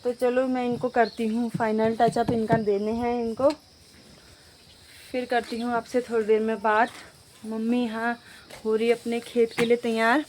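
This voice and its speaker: Young woman chatting to her viewers on a village walk, highish voice, light background hum. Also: flat delivery, normal speed, darkish tone. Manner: chatty, talks straight to viewers. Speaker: vlogger. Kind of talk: casual vlog walk-through. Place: outdoors in a village. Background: faint outdoor ambience with animals.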